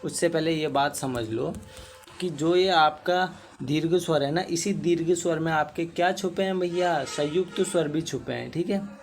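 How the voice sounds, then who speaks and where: With a slightly high voice and some background noise, a man teaches Hindi grammar aimed at exams. Drawling vowels to illustrate length, he calls the class bhaiya and checks in with "theek hai na" again and again.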